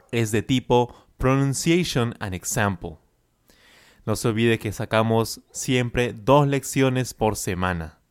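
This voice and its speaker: A man coaching Spanish leads repeat-after-me drills, enunciating slowly and carefully and praising the listener often. His voice is mid-range and smooth.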